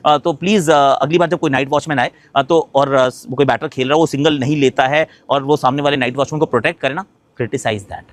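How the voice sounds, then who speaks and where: A man's voice: mid-range voice, fairly even intonation, fairly quick, no echo. A man giving a casual cricket reaction, mixing Hindi and English with emphatic points and frequent hesitant fillers. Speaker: cricket commentator.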